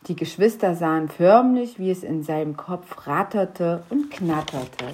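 A woman narrating a children's story in a gentle storytelling manner. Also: fairly low pitch, unhurried, husky.

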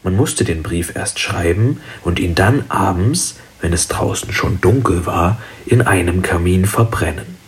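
A man narrating a children's story in a lively, expressive way. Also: low voice, unhurried, hardly any pauses.

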